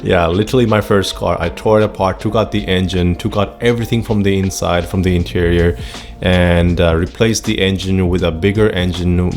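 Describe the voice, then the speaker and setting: Hosting his own vlog channel, a thirties-aged man from Finland speaks with a native Finnish accent, earnestly and enthusiastically, in a monologue. His low, darkish voice is steady and fairly quick, with faint music behind it.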